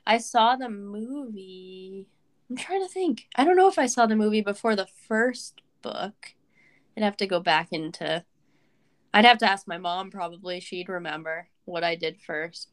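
A woman's voice: mid-range voice, fairly bright tone. A woman co-hosting a casual podcast chat, rambling with fillers and restarts, her voice a little worn after covid. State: recovering from covid, voice may crack. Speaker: podcast co-host.

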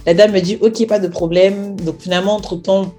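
A woman's voice: medium pitch, brisk, faint music behind. A young woman telling a personal testimony as a story, acting out the quoted dialogue as she goes. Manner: animated retelling with acted-out quoted dialogue. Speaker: speaker sharing a personal testimony.

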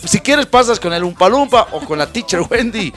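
A woman's voice: medium pitch, lively intonation, brisk, fairly bright tone, faint music behind. A woman hosting a comic radio show, teasing her caller and reading an ad. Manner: teasing, laughing along, plugs an advertiser. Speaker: radio host. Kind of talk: comic radio chat and ad read.

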